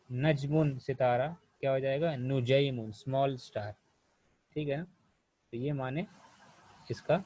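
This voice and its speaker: A man's voice: mid-range voice, dark tone, no room sound, lo-fi sound. A man from India teaching Arabic grammar, patiently asking questions and answering them himself, with English words mixed in. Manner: patient, repeats questions and answers them, often says "theek hai". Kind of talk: online class explanation.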